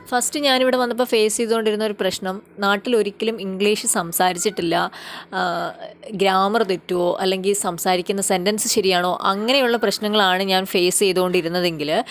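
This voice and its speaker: A woman from Kerala talks her viewers through a farm garden outdoors. Her delivery is casual and explanatory. She keeps checking in with little tag questions as she goes. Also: medium pitch. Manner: chatty, explanatory, often adds tag questions. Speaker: vlogger. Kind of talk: casual walking farm-tour vlog.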